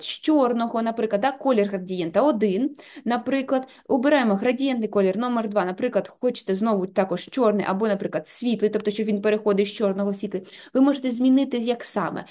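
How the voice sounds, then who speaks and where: Mellow-voiced woman teaching software. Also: medium pitch. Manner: explains patiently, leans on filler words. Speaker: software tutorial instructor. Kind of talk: step-by-step screen tutorial.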